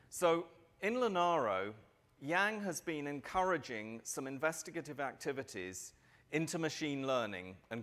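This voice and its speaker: A middle-aged man giving a prepared keynote speech on a large conference stage, speaking at a lectern mic in a measured, steady way with the odd filler. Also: medium pitch.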